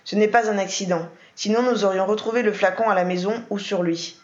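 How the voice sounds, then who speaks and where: A woman's voice: mid-range voice, steady tone, a little fast, lightly acted. A woman voicing a shaken young widow who turns volatile, her voice brittle, in a roomy, dull recording. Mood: tense. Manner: brittle, then screaming.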